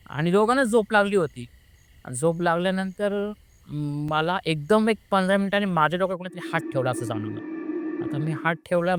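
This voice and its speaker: A man telling a frightening personal story as an interview guest, animated and often restarting his sentences. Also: fairly high pitch, clear, resonant tone, no room sound. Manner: animated, rushes and restarts when retelling fright. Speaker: guest recounting a paranormal experience. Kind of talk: conversational storytelling.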